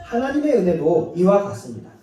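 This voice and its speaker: A man preaching a sermon in a church hall, his voice high and mellow. He rises and falls freely and acts out quotes now and then with a light laugh. Heavy echo and a distant mic make him sound far off in a big room. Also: huge pitch swings, brisk. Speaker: pastor. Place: church sanctuary.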